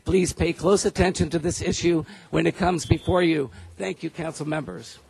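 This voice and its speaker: High-voiced man, weakened by post-nasal drip. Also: fairly even intonation, moderate pace, gravelly, darkish tone. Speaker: public speaker at a council meeting. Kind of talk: prepared formal public comment.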